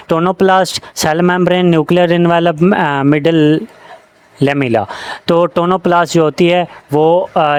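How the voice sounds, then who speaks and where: Clear-voiced man teaching in Urdu. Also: on the high side, no echo. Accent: Pakistani Urdu. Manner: reads options aloud, frequent fillers and self-corrections. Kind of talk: exam question walkthrough.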